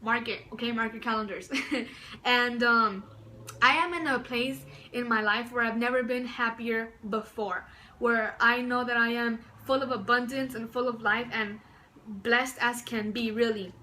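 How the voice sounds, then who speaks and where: This early-20s vlogger, Mexican-born and Southern California-raised, chats casually to camera from inside her home, enthusiastic and rambling, with lots of fillers and restarts. Her pitch is fairly high and her intonation fairly even, her pace a little slow, and her tone bright and forceful. There's a little hiss or hum.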